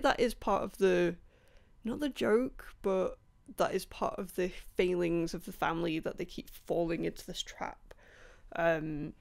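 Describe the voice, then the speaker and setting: A woman chatting casually about books she has read, rambling with many ums, apologizing and laughing softly, her voice a bit rough. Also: medium pitch. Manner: apologetic, laughs between points. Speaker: book vlogger. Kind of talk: casual book review chat.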